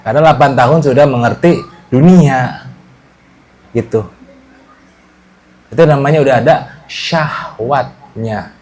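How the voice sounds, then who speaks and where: A man teaching a casual religious study lesson to a small group, explaining in a relaxed way and often checking that the class follows. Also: medium pitch, unhurried, long pauses.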